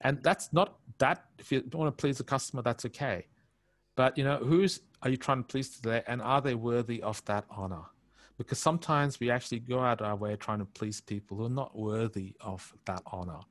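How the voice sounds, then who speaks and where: Speaking at medium pitch and a little fast, with no echo, this man in his fifties is from India yet has an Australian accent. He is an interview guest on a video call, using a headset in his home study, reflectively and candidly narrating his life with many restarts and fillers.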